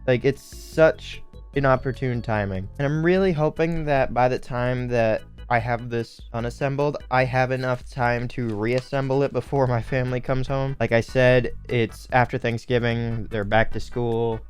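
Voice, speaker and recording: A man's voice: mid-range voice, steady tone, moderate pace, clear, resonant tone, faint music behind. A young man with a sniffly nose, rambling and thinking aloud as he gives casual commentary for a hobby video. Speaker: video host building Lego.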